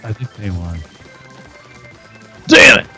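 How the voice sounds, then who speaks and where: A man's voice: lowish voice, huge pitch swings, takes it slowly, gravelly, pushed and bright, slightly rough, faint music behind, low-quality recording. A man co-hosting a podcast, chatting casually and self-deprecatingly while playing a video game, swearing now and then. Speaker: podcast co-host.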